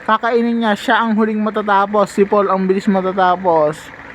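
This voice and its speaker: A young man with a bright, high voice chats into his phone from his bedroom, doting on his cats. His talk is loose and playful, breaking into excited squeals. A faint hum sits under the recording. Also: normal speed, low-quality recording. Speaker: vlogger. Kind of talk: casual vlog talk to camera.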